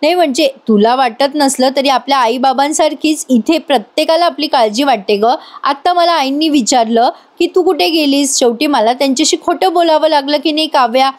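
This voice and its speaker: A woman puts on a caring elder sister who talks softly and patiently. Her voice is high, and she coaxes rather than scolds. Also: brisk, hardly any pauses, lightly acted. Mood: coaxing.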